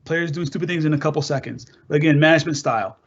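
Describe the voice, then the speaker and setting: Higher-voiced man coaching referees. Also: very fast, muffled recording. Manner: conversational, asks rhetorical questions, restarts often. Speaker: soccer referee instructor. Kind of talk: narrated video presentation for referees.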